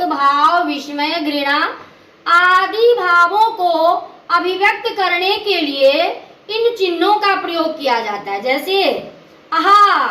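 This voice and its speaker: A woman explains a grammar lesson slowly and carefully, working through examples one by one. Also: extremely high pitch, pushed and bright, roomy sound. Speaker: teacher.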